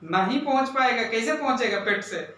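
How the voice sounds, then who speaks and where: A man's voice: very high-pitched, lively intonation, normal speed, noisy background. A man teaching a classroom science lesson, quizzing his pupils and repeating key terms. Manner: asks pupils questions, repeats terms, says "right?" often. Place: classroom, indoors. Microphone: camera far off in the room. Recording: very echoey room, voice from far off.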